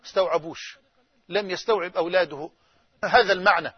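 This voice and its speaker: A man's voice: high-pitched, quick pace, slightly rough, dry recording. A man with an Egyptian Arabic accent preaching a sermon, telling stories with passion. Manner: impassioned storytelling. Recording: dull, dry recording.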